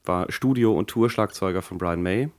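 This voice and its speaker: A man with speech hosting a casual podcast, his voice deepened and worn from a recent infection. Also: moderate pace, no echo, studio quality. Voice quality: deepened, croaky voice left over from an infection. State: recovering from Covid with a lingering cough, vocal cords strained. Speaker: podcast host.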